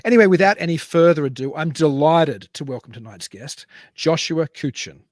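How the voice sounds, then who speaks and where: A man's voice: fairly high pitch, expressive, normal speed, darkish tone. A man hosting an online talk show over a video call, introducing a guest in a rambling, self-correcting way. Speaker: podcast host. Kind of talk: casual online show chat.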